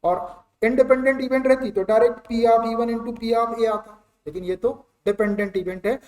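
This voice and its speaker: A man's voice: very high-pitched, steady tone, moderate pace, darkish tone, far from the mic. A male maths teacher giving a chatty classroom lecture, repeating points and explaining with everyday examples.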